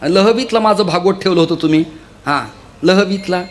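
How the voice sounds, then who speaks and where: Lively kirtan preacher. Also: male voice, high voice, fairly quick, slight background noise. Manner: lively storytelling, often urging listeners to listen. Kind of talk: kirtan sermon with storytelling.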